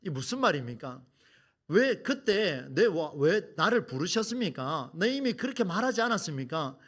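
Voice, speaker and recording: A man's voice: high voice, very animated, moderate pace, a bit bright. A middle-aged male pastor preaching a sermon, acting out complaints and asking the congregation rhetorical questions. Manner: dramatic, acts out quoted complaints.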